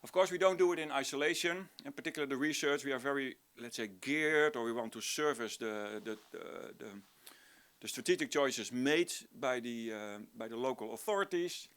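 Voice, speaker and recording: A middle-aged Dutch university lecturer, a native Dutch speaker with a Dutch accent, gives an informal conference talk before an audience, frequently restarting as he hunts for words. His mid-range voice moves at a moderate pace and sounds fairly bright, clear and resonant.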